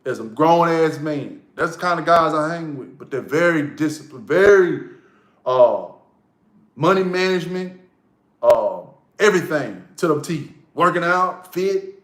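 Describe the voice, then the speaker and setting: A man's voice: on the high side, lively intonation, a little slow. A man giving a casual motivational monologue, blunt and profane, repeating key lines for emphasis. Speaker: motivational vlogger. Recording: echoey room.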